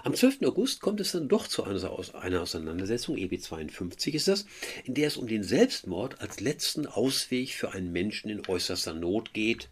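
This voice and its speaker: A man's voice: on the low side, big pitch swings, brisk, breathy edge. A man teaching a literature lesson, explaining in a conversational way and often adding tag questions.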